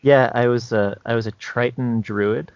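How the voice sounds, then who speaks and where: On a podcast he co-hosts, a man who is also a game master chats casually and offers gaming advice. His mid-range voice is steady, clean, and a little slow, with hesitant, loose, easygoing phrasing, captured in dull, dry, lo-fi audio.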